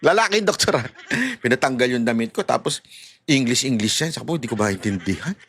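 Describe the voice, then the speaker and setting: A middle-aged man from Manila with a loud voice, giving casual, animated political commentary as a vlogger. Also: medium pitch, fast, a little hiss or hum. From Manila, Philippines. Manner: animated and chatty, laughs at his own asides.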